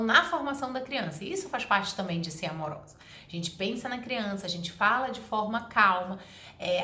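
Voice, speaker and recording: A woman's voice: medium pitch, fairly bright tone. Lady giving parenting tips, earnest and firm, echoey room. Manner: earnest, emphatic, explains step by step. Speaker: parenting educator. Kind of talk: advice monologue to camera. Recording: roomy echo.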